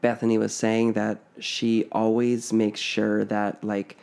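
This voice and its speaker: Gravelly man telling a story rambly. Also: lowish voice, completely flat delivery, takes it slowly, darkish tone. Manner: rambling, with many fillers and restarts. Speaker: podcast co-host. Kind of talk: casual storytelling chat.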